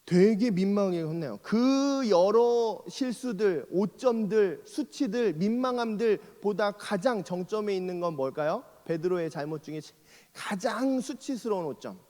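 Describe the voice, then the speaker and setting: Male pastor, higher register, storytelling sermon, acts out quotes; long church reverb. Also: lively intonation, measured pace, dark tone. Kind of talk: conversational sermon. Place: church sanctuary.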